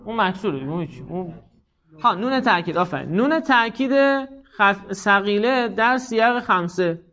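A male teacher with a high voice works through a grammar lesson. He stops often to repeat key points and question his students. The recording is dull and lo-fi. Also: animated, bright, forceful tone. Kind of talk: classroom lecture on grammar.

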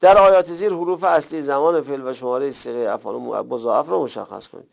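A man's voice: mid-range voice, creaky, highs cut off. A man teaching an Arabic grammar lesson, explaining step by step and asking and answering his own questions. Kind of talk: recorded classroom lesson.

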